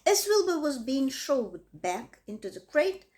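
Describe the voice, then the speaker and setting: A woman reading a children's book aloud with expressive, dramatic emphasis. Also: high voice, measured pace. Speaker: reader. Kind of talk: storybook read-aloud.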